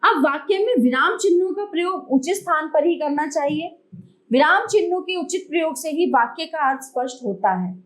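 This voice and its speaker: Female teacher, high voice, patient explainer of grammar for young kids. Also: lively intonation, rough recording. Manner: addresses children warmly, explains slowly with examples. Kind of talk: grammar lesson for children.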